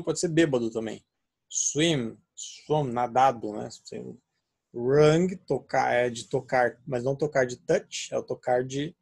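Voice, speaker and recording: A man's voice: medium pitch, creaky, darkish tone, slightly rough, dry recording, clean studio sound. A man with a Brazilian Portuguese accent teaching an English grammar lesson, explaining and repeating verb forms aloud.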